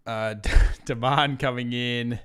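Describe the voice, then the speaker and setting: An Australian man hosts a live market analysis stream for a trading channel, chatting casually, rambling a bit and reading viewer questions aloud. His mid-range voice is steady, measured, slightly bright, clear and resonant, though it's wearing out after hours of talking.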